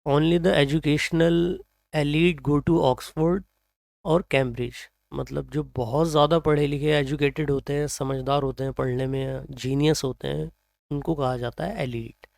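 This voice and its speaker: A man with an Indian accent teaching English pronunciation, reading example sentences slowly and then explaining them. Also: fairly high pitch, fairly even intonation, creaky, a little mellow, no echo, studio quality. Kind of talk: slow explanatory lesson, mixing Hindi and English.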